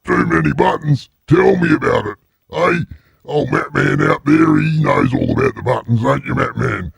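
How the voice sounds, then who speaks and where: Australian man, blokey tradesman manner, very gravelly and husky, lively swings, casual stream host. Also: mid-range voice, normal speed, no room sound, studio quality. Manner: matey, blokey Aussie tradesman way of talking. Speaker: live stream show host. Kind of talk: casual live stream chat.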